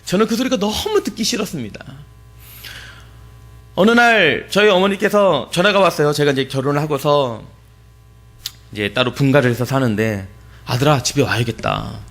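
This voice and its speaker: A male pastor preaching in church, his voice swinging widely in pitch. He tells a personal story with deep feeling. He drops to near whispers, then rises to shouts. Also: animated, normal speed, long pauses. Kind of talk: sermon.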